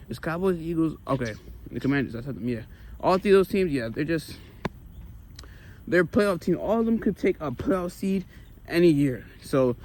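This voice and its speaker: An American man chatting casually about sports while walking, emphatic and animated, often repeating phrases for emphasis. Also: fairly high pitch. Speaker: sports vlogger. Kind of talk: casual rambling sports chat. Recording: clear street noise with passing vehicles.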